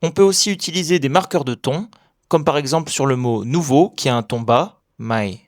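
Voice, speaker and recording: Upbeat man giving a clear lesson. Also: on the high side, no room sound, clean studio sound. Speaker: language teacher. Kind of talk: scripted explainer lesson.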